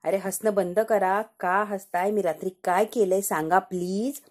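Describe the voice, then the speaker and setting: Woman doing a flustered embarrassed man, pleading, insistent, dark mellow tone. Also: high-pitched, steady tone, normal speed.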